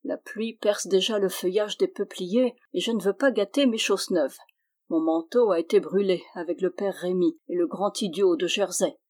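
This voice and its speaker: A woman's voice: lowish voice, moderate pace, a little mellow, close to an everyday voice. A woman voicing an impish little male dwarf who mocks and teases in a raised, exuberant voice. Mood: teasing. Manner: teasing, exuberant.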